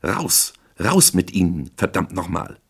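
A man reading an audiobook, voicing a haughty, sharp-tongued rich young woman who is quick to flare up. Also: on the low side, lively intonation, voice pushed up. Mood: furious. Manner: cool, mocking, quick to flare up.

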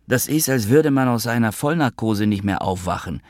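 A man voicing a troubled, world-weary young woman in an audiobook, speaking softly and subdued. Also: medium pitch, expressive, moderate pace, no room sound, studio quality, voice pushed up, lightly acted. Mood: bitter.

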